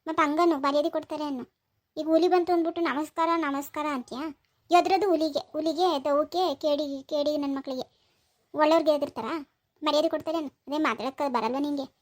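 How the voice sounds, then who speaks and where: A woman's voice: high-pitched, fairly quick, a little mellow. A young woman, hosting a comic village vlog and talking to viewers as friends. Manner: chatty, addressing viewers as friends. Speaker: village vlogger.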